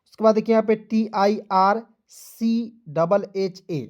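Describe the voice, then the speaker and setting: A man's voice: high-pitched, steady tone, takes it slowly, a little mellow, muffled recording. A male teacher giving a beginners' spelling lesson, repeating each step and coaxing his viewers along as friends.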